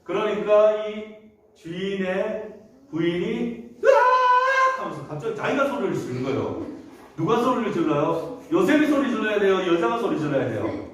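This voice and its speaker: A man's voice: high voice, very animated, moderate pace, a little hiss or hum. A man leading a children's sermon, telling the story and asking the children frequent questions. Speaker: children's worship leader. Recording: echoey church hall from a distance.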